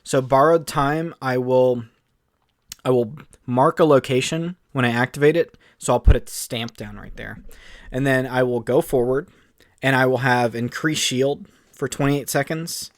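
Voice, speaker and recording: A man co-hosting a podcast, chatting casually and excitedly in long rambling runs full of fillers. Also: mid-range voice, unhurried, no echo, studio quality. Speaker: podcast co-host. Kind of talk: casual chat.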